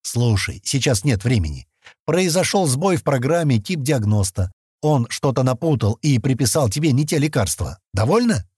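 A man reading an audiobook, voicing a confident, smug man who briskly explains and gives orders, in a slightly raised husky voice. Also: mid-range voice, animated, darkish tone, no echo, studio quality. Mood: brushing off.

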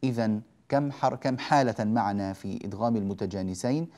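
A man teaching a recitation lesson, patiently explaining rules and chanting verse examples slowly. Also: lowish voice, dark tone. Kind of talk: tajweed lesson.

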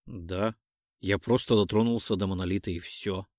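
A male audiobook reader voicing a dazed young man, speaking quietly and low after a strange vision, recorded in a dry booth. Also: extremely slow, dry recording. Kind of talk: audiobook character reading.

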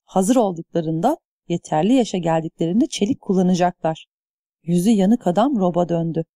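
A woman narrates a story at an even, measured pace. Her voice is warm and mellow in tone, and it is recorded close to the mic in a dry space with no reverb. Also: fairly low pitch. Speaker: audiobook narrator. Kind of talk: scripted narration.

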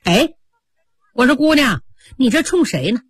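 A woman's voice: high-pitched, sing-song, unhurried, breathy edge, no echo, full character voice. A woman voicing a patient senior maid in a storybook tale, reproachful and coaxing. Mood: indignant.

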